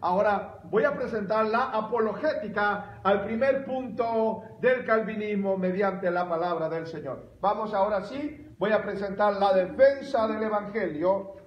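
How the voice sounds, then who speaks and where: A male pastor preaching a sermon, animated and emphatic, with bursts of loud exclamation. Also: sits high, measured pace, few pauses, reverberant, muffled recording. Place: church sanctuary.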